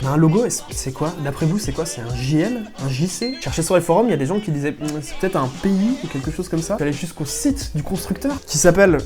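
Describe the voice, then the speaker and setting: Fast-talking French tech vlogger. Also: male voice, a little high. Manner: fast, chatty and excited, with slangy asides. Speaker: tech YouTuber. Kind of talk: casual investigative vlog narration.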